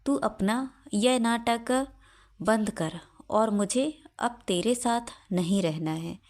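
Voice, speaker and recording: A woman's voice: mid-range voice, takes it slowly, a little mellow, close to an everyday voice. A woman voicing an angry, stubborn elderly mother-in-law who scolds and insists. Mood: scolding.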